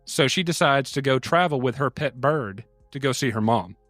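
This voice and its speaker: A man's voice: mid-range voice, normal speed, no room sound, faint music behind. Man telling a long story joke. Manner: animated storytelling, acts out characters' lines.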